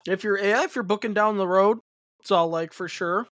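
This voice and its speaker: A man with a notably high voice talks wrestling on a podcast in a loose, rambling way. He circles back with fillers and restarts his sentences often. The sound is dry and close, with no room around it. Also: normal speed, a bit bright, no echo. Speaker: podcast co-host. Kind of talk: casual wrestling chat.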